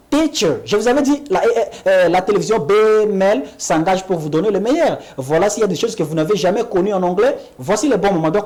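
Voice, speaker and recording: Woman teaching English on TV, lively pitch. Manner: explains in French, repeats English examples slowly, asks "Ok?". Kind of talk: televised language lesson.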